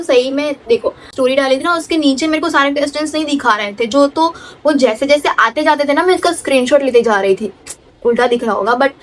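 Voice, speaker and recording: A woman's voice: high-pitched, a little hiss or hum, poor audio. A young woman answering fan questions in a casual vlog, chatty, switching between Hindi and English and repeating her words.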